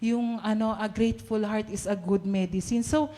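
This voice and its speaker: A woman's voice: mid-range voice, fairly even intonation, normal speed, warm tone. A woman giving a cheerful testimony at a prayer meeting. She laughs often and acts out what she said to others. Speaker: church member giving testimony.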